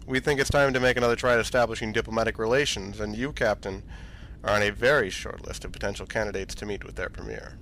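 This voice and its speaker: In a science fiction audio drama, a fast-talking man with a fairly low voice plays a senior space fleet admiral giving a briefing. He's commanding, brisk, and matter-of-fact, with a formal, measured authority, over steady ambient background noise.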